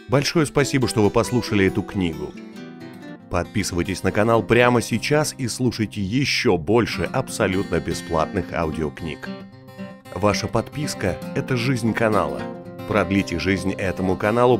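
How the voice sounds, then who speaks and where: A man reading a scripted channel outro in a smooth, inviting manner. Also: lowish voice. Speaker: channel announcer.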